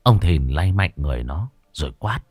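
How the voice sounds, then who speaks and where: A man narrating a ghost story in a dramatic, expressive way. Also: extremely low pitch, moderate pace, husky, no room sound, clean studio sound, soft background music. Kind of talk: scripted horror narration.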